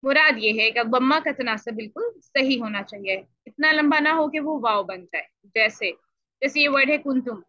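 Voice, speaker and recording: A woman teaching Quran recitation in an online lesson, explaining patiently and repeating syllables to demonstrate, clearing her throat now and then. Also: high-pitched, normal speed, bright, forceful tone, no room sound. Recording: dull lo-fi dry audio.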